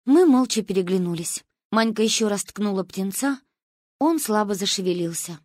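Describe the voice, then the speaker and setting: A woman narrating an audiobook in a playful, animated storytelling manner. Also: medium pitch, moderate pace, dry recording, clean studio sound.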